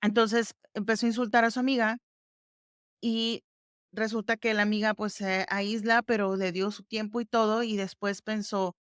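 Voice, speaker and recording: A woman's voice: mid-range voice, flat delivery, moderate pace, clean tone, no room sound, clean studio sound. A woman hosting a podcast, explaining exercises step by step in a casual, conversational way. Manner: explains step by step, conversational, warm fillers like "ujú". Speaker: podcast host.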